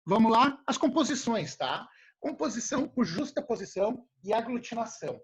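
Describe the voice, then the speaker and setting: A male teacher, joking and animated as he explains things to his class. His pitch leaps around a lot, and his voice is a little husky. The recording sounds muffled and lo-fi. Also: moderate pace. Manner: animated, jokey, talks to students as a group. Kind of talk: casual classroom lesson.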